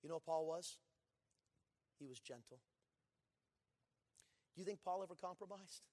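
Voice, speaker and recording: A man in his forties preaching a sermon in a church, telling folksy stories and swinging from loud to hushed. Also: a little high, moderate pace. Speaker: pastor. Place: church sanctuary. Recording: long church reverb.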